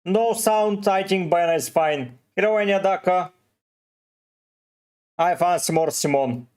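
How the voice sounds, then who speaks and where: Slow-talking Bulgarian man with a high voice. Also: darkish tone. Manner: slow, musing, answers viewers one by one. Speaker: fantasy football streamer. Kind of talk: live stream chat, reading comments.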